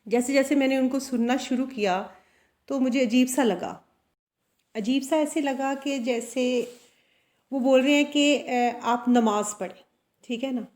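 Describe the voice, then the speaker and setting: A woman's voice: high voice, a little slow, a little mellow. A woman who runs a salon and a boutique, talking earnestly and confidingly to her viewers about her own life, often checking in with them as she goes. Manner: earnest, confiding, with frequent tag questions. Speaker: vlogger. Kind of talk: personal motivational talk to camera.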